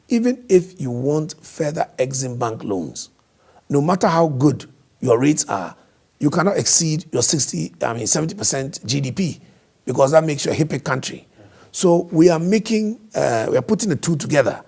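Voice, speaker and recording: A hoarse man whose voice is partly lost, giving emphatic, explanatory interview answers as a diplomat, often posing rhetorical questions. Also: fairly high pitch, expressive, moderate pace, a little mellow.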